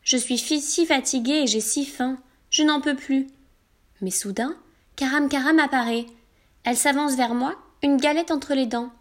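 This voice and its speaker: A woman reading a children's storybook in the first person, animated and acting out every emotion. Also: high voice, moderate pace. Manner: animated, acts out emotions as a girl.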